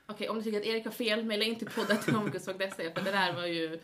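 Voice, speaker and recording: A woman's voice: medium pitch, noisy background. A woman with a Stockholm accent chatting casually and jokingly as a podcast co-host.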